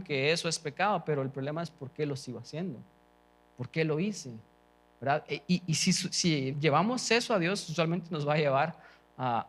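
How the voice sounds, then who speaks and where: A young man preaching a sermon. His voice sits a little high, and he talks to the congregation in a conversational way, often checking in with them and restarting his sentences. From Guatemala. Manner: conversational, frequent "¿verdad?" check-ins, many restarts.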